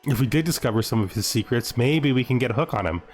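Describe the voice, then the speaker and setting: A gaming video host with a mid-range voice talks quickly and with lively intonation, delivering jokey let's-play commentary on a strategy game. He reasons aloud, frequently quizzing himself, while background music plays.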